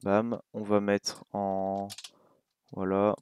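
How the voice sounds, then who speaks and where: A young man with a French accent giving a relaxed, casual coding tutorial at his computer, thinking aloud with many fillers and asides. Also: lowish voice, extremely slow, clear, resonant tone. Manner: relaxed, talks while clicking, many fillers and little asides. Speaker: game development tutor.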